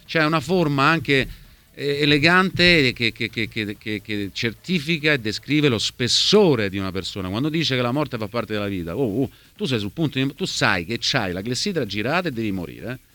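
A man's voice: medium pitch, lively intonation, moderate pace, pushed and bright. A man talking emphatically on a talk show, repeating words for stress. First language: Italian. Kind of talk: unscripted talk show conversation.

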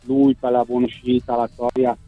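A man reporting by speakerphone from a moving car, calm and matter-of-fact as a sports correspondent calling in. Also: medium pitch, moderate pace, dry recording, soft background music. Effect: speakerphone call from a car. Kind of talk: on-site report by phone. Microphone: phone on speaker. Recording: muffled phone line, dry.

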